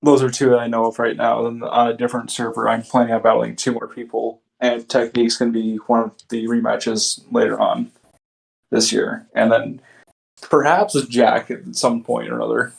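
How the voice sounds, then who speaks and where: Chatting casually as an interview guest, this battle rapper has a creaky, gravelly voice pitched in the middle. His pace is moderate and his pitch barely moves, while his manner stays relaxed and blunt, with offhand swearing.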